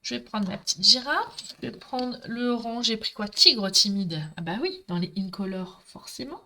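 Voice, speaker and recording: A woman's voice: fairly high pitch, lively intonation, normal speed, sharp tone. Chatty woman with a Marseille accent. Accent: Marseille French. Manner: chatty, talkative, addresses viewers directly. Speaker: craft demonstrator, live host. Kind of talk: live crafting tutorial, chatting with viewers.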